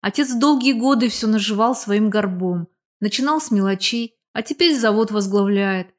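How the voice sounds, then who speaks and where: In an audiobook, a woman takes on the role of a playful, confident young man teasing an old friend with mock bossiness. Her voice is mid-range and lightly acted, delivered at a moderate pace.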